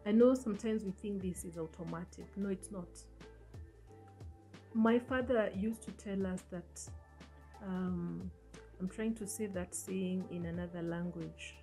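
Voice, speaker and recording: A woman in her forties from Africa, whose first language is an African language rather than English, hosts a motivational talk in an earnest coaching style and asks the listener questions. Her mid-range voice is warm and a little slow, with soft music in the background. She sits on a sofa in a small indoor room, speaking into a studio mic on a stand in front of her.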